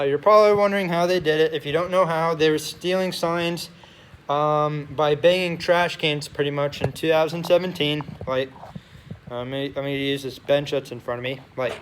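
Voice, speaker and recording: A young man chatting casually as a sports vlogger in a locker room, rambling and often correcting himself. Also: a little high. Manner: halting, rambling, self-correcting. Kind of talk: casual chat to camera. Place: locker room beside a noisy gym. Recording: noisy locker room ambience.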